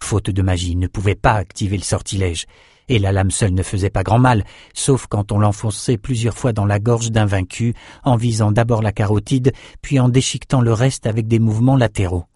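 A man reads a fantasy audiobook in a steady, measured way. His voice sits low, with a dry, close sound and no room around it. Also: husky, no echo. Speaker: audiobook narrator. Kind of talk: scripted fantasy narration.

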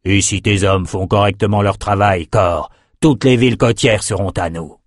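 A man's voice: lowish voice, steady tone, normal speed, no echo, clean studio sound, lightly acted. A man voicing a stern, feared male warlord king who speaks in a commanding, solemn way in an audiobook.

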